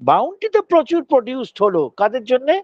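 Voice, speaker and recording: A male professor with a Bengali accent giving an animated classroom lecture, moving between Bengali and English and acting out little voices. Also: very high voice, quick pace, dry recording, dull audio.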